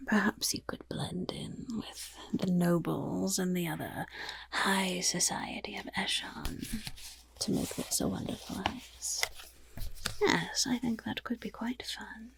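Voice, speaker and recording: A woman voices a friendly female goblin rogue in an ASMR fantasy roleplay, using a breathy, raspy whisper and gently encouraging, genteel phrasing. Her mid-range voice stays steady and slow, and she sounds pleased and encouraging.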